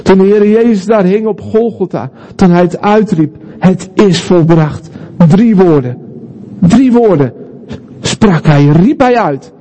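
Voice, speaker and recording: A man's voice: high-pitched, expressive, measured pace, dark tone. A man preaching a sermon, earnest and emphatic, with repeated phrases and rhetorical questions.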